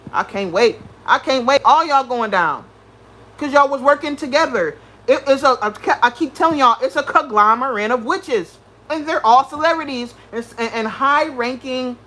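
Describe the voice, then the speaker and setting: High-voiced woman ranting on a livestream. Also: rough recording. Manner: profane, animated, greets chat viewers. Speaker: livestream host.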